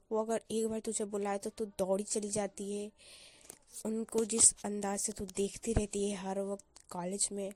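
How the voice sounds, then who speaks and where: A woman's voice: medium pitch, mellow. A woman voicing a young female college student, a blunt but caring best friend who lectures firmly and coaxes. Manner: firm, coaxing, lecturing. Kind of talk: storyteller voicing a character.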